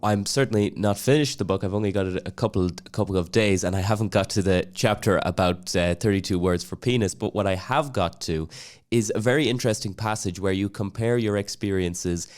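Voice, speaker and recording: A man hosting a podcast, asking a guest questions in a relaxed, measured way. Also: on the low side. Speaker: podcast host. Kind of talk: casual interview talk.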